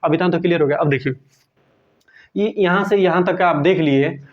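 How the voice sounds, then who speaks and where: A man's voice: a little high, moderate pace. A man runs an exam-prep grammar lesson. He reads letters out one at a time, asks himself questions and answers them, and keeps checking in with "ठीक है". The recording sounds muffled and lo-fi. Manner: says "ठीक है" often to check in. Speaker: teacher. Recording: dull lo-fi recording.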